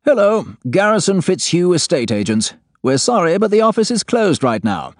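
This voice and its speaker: A man's voice: high voice, sing-song, moderate pace, no room sound, studio quality, voice pushed up. A man voicing a polite, formal female answering-machine greeting for an office. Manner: polite, formal, recorded-message cadence.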